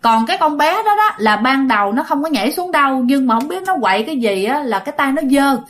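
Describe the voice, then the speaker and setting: A woman with a Southern Vietnamese accent tells a ghost story in a casual, chatty way. Her voice sits high, and she keeps turning to speak directly to her listeners. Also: lively intonation, fast talker, a bit bright.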